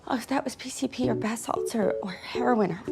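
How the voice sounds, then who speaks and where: An actress playing a nervous woman in a TV series, talking in a halting, anxious way. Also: on the high side, creaky. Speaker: character in a TV series. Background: loud music.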